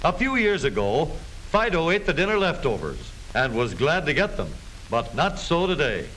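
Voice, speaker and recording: An American man with a fairly high, fairly bright voice narrates a scripted 1930s newsreel at normal speed, very animated and full of jaunty, folksy showmanship. The hissy, noisy soundtrack is typical of 1930s film.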